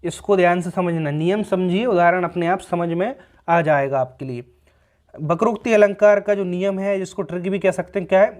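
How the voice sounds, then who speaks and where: A man's voice: sits high, normal speed, a little mellow. A man teaching a grammar lesson, patiently repeating each point and asking the class rhetorical questions as he explains.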